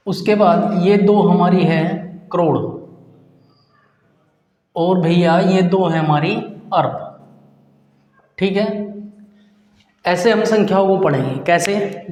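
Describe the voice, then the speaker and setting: High-voiced man teaching maths in an echoey room. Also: darkish tone. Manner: asks pupils questions and answers them himself; repeats key terms slowly, counting out numbers. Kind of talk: classroom lesson at a board.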